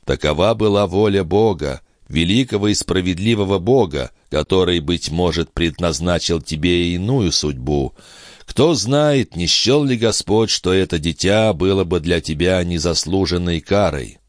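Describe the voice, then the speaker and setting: Man doing a gentle young brother, low soft voice, consoling, close dry sound. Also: moderate pace, no echo, natural voice. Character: young nobleman, tender protective brother.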